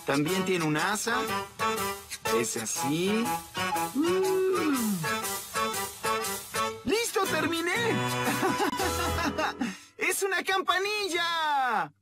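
A woman's voice: medium pitch, wildly swooping pitch, drawn-out words, long pauses, exaggerated voice. A woman voicing a cheerful, playful young girl in a children's show dub, giggling and exclaiming as she talks to the things around her. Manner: giggly, exclaiming, talking to objects. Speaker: dub voice actress. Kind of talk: Latin American Spanish fan dub of a children's show. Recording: loud music behind the voice. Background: loud children's music.

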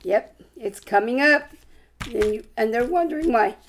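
A woman hosts a casual vlog, her hoarse, congested voice sitting a little high and full of gravelly fry. She chats in an upbeat way and often breaks into excited exclamations. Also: normal speed, a little hiss or hum. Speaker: lottery scratch-ticket channel host.

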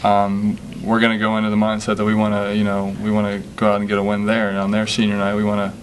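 A young man, a college basketball player, answering questions at a postgame press conference at a table mic, halting with many fillers. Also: fairly low pitch, monotone, slight background noise. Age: young adult. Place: press conference room with sponsor backdrop. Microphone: table microphone.

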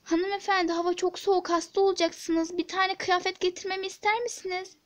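A woman voicing a patient hospital nurse who talks softly and hesitantly, pleading for calm. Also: very high voice, fairly quick. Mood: coaxing. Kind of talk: Turkish toy-app drama voice acting.

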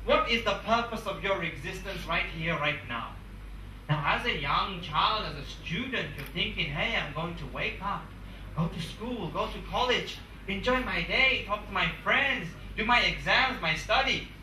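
In his twenties and from England, this motivational speaker addresses students with emphatic repetition through a handheld mic in a large conference room. His high, sharp voice has lively intonation at normal speed, caught by a distant camera in an echoey room with a faint hiss or hum.

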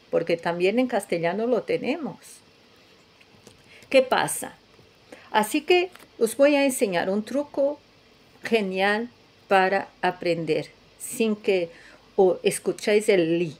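Slow-spoken woman teaching pronunciation. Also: mid-range voice. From Portugal. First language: Portuguese. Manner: repeats sounds slowly to demonstrate, light laughs. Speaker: language teacher. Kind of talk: pronunciation lesson.

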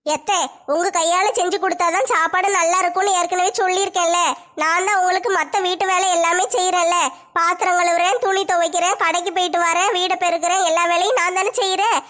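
A woman's voice: very high-pitched, fairly even intonation, fast talker, fairly bright tone. A woman playing a cheeky young daughter-in-law arguing with her mother-in-law in a comedy skit. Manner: talking back, arguing.

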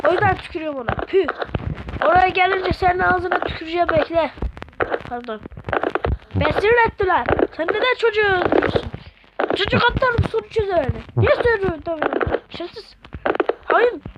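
A woman commentating as she plays a video game, excitable and grumbling at the game as she goes. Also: extremely high pitch, a little fast, long pauses. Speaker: gamer. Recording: dull lo-fi with loud noise.

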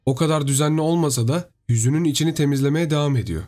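A man's voice: a little high, rapid-fire, mellow. Man narrating a horror story.

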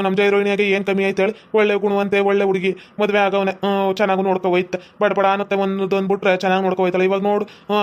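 A calm young cartoon man, voiced by a man, reassures his elders in a North Karnataka accent. He speaks quickly, fairly high and even. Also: clear, resonant tone, lightly acted. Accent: North Karnataka Kannada. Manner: reassuring, philosophizing. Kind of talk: cartoon comedy voice acting.

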